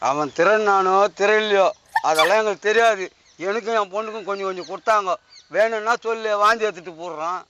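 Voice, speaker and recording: A man acting a scheming father in a village comedy sketch, teasing and bantering with quick comebacks. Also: sits high, pushed and bright, slight background noise.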